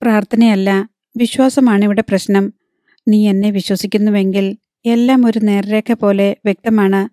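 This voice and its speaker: A woman's voice: medium pitch, fairly even intonation, a little slow, dark tone, no echo, clean studio sound, natural voice. A woman voicing a troubled young husband who presses his wife with hurt questions, in an audiobook reading. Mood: hurt, pressing.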